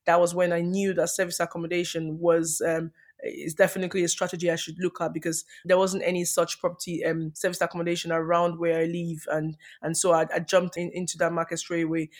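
A woman answers questions in a casual interview. Her pitch moves little, giving an even delivery. She is upbeat but hesitant, often repeating words mid-sentence. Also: fast. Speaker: podcast guest, property developer.

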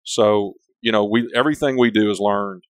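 Speaking as a guest in an informal interview, the man runs a company and talks with candor. His voice is fairly low, his tone steady, his pace moderate, with no echo. Big-voiced and full of personality, he tends to ramble and restart sentences.

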